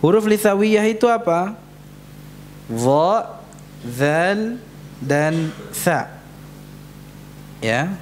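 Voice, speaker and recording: A man leads a recitation class in a mosque, spelling out each letter sound slowly and patiently. His voice sits a little high for a man, and his pace is very unhurried. A faint hiss hangs behind him. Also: expressive. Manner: patient, repeats sounds slowly for students to copy. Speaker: Quran recitation teacher. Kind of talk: tajweed lesson in a mosque. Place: prayer hall of a mosque.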